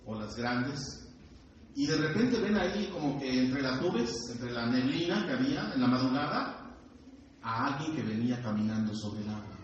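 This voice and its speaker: In a church hall, a man preaches a sermon, firing rhetorical questions at the congregation and animatedly acting out screams. His voice is mid-range at a normal speed, with slight background noise. The recording is very echoey, distant and dull.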